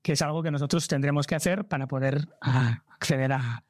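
In a mid-range, darkish voice that runs a little fast, a travel content creator and trip organizer from Barcelona, Spain answers interview questions about travel earnestly with a Spanish accent. The recording is dry and clean, with studio sound.

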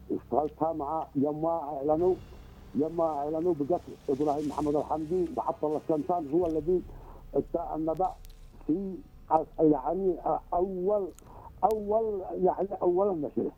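An older man with a Yemeni Arabic accent who calls in to a radio show and rambles through his memories with many pauses. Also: on the high side, fairly even intonation, breathy edge. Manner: rambling, halting recollections. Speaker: caller. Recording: tinny phone line.

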